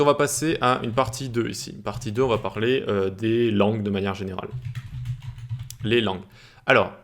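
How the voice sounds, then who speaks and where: Low-voiced man explaining code, many fillers. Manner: informal, many fillers and restarts. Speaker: web development teacher. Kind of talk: screencast coding tutorial.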